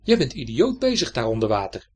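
A bossy, boastful lizard lectures in a raised voice that climbs higher and higher, played by a male storyteller. The tone is husky and lively, in a children's storybook reading. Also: a little fast. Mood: lecturing.

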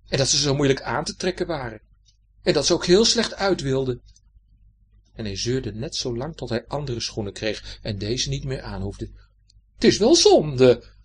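A man reading a children's story aloud in an expressive, lilting storytelling manner. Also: mid-range voice, breathy edge.

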